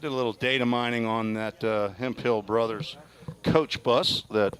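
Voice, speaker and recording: A man's voice: mid-range voice, steady tone, normal speed. A man doing folksy color commentary on a baseball broadcast from a stadium press box, chatting and reading out player stats.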